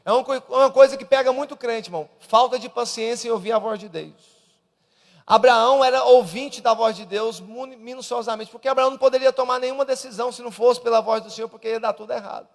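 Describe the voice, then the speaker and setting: A Brazilian man preaches a Sunday school lesson as an evangelist, his voice strikingly high and gravelly. He calls out to the congregation and climbs into loud emphatic peaks. The sound trails off in the long reverb of a church hall. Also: quick pace. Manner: swells into loud emphatic preaching, repeatedly addressing "irmão". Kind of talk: Pentecostal Sunday school sermon.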